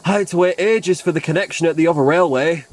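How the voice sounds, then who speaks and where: A man's voice: a little high, fast, music in the background, close to an everyday voice. A man voicing Henry, a puffing, chatty big engine. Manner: breathless, chatty. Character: Henry, a large male steam engine, fretful and hurried.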